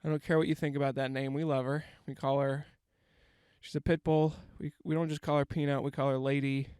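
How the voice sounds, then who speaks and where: A man's voice: fairly high pitch, little pitch movement, fairly quick, darkish tone, clear, resonant tone, dry recording. A young man with a stuffy, congested voice hosts a rambling, self-mocking comedy podcast from inside a parked van on a handheld mic. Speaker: podcast host. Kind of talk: casual comedic monologue. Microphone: handheld microphone.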